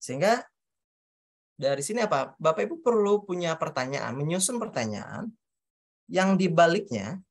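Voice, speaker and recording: This woman's voice is lowish and very animated, with a moderate pace and long pauses. Facing an audience at a talk venue, she leads a coaching workshop, speaking to them directly, acting out sample questions, and restarting hesitantly as she explains things.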